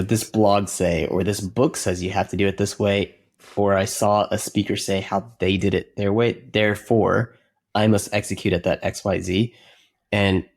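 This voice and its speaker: A man being interviewed as a software company co-founder, speaking earnestly and reflectively in casual conversation, often restarting his sentences. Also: fairly low pitch.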